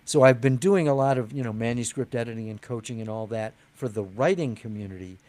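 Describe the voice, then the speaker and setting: An older man in his sixties, guesting on an interview show as a novelist. He talks in a loose, friendly, rambling way, often restarting a sentence before he lands it, at a mid-range pitch for a man. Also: fairly quick, a little mellow. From United States. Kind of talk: casual interview chat.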